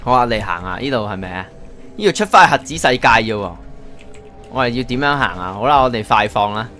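A man's voice: mid-range voice, animated, quick pace, pushed and bright, soft background music. A man with a Hong Kong Cantonese accent giving a casual, chatty game walkthrough, thinking aloud as he plays. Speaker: gaming YouTuber.

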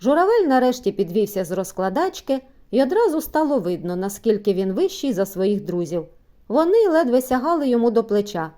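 A woman reads a children's story aloud with an animated, rising and falling voice. Her tone is mellow and warm, and she lifts her voice to give the characters life. It is a steady, scripted audiobook narration. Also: on the high side, fairly quick. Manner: lively, expressive reading with voiced dialogue.

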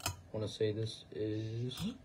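A man chatting casually as he demonstrates fly tying on a livestream, relaxed and full of trailing phrases. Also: lowish voice, slow, heavy background noise. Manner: relaxed, talks while working, fillers and trailing phrases. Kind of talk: casual instructional chat.

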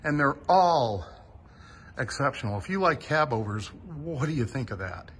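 A man's voice: medium pitch, lively intonation, normal speed, a bit bright, slightly rough. Enthusiastic man touring a vehicle warehouse. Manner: enthusiastic, awed. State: a bit sweaty after driving. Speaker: vlogger touring a vehicle museum. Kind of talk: casual walk-through narration. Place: large indoor vehicle warehouse.

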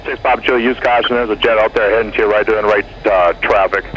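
Fairly low in pitch and steady in tone, this man talks fast with a fairly bright sound. He is an air traffic controller giving clipped, courteous instructions from the tower, heard over aviation radio in a jet cockpit. The audio is poor, with faint noise.

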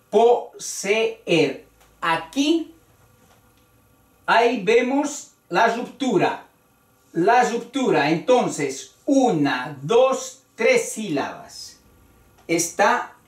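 Very slow teacher in an echoey room. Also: medium pitch, recorded from a distance. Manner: deliberate, spells out syllables one by one. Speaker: Spanish teacher. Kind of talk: spoken grammar lesson. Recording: echoey room, voice away from the mic.

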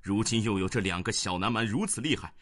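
A man's voice: lowish voice, quick pace, a bit bright. A man voicing a proud, boastful Jin prince commander in a storytelling reading. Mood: indignant.

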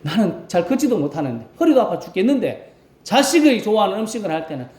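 A man's voice: sits high, fast talker. A male rural pastor preaching a Sunday sermon, asking his congregation questions as he goes. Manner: animated preaching, asks the congregation questions and acts out voices. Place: church sanctuary. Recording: roomy church echo.

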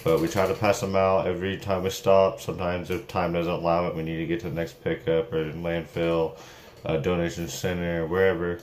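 A young man with a fairly low voice chats casually into a phone held at arm's length, upbeat and plain, with plenty of fillers. Vehicle noise and background sounds come through clearly around him. It sounds like a small business owner giving a quick update from his car. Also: level tone, darkish tone. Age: young adult. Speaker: junk removal business owner. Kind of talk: casual vlog to camera. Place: in a car, then in a small room at home. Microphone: phone camera at arm's length.

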